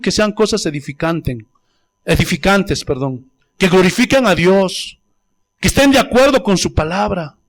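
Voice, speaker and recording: A man from Bolivia preaching a sermon as pastor, emphatic and exhorting, with swings from loud to low and drawn-out stressed words. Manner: emphatic preaching, repeats "Gloria a Dios".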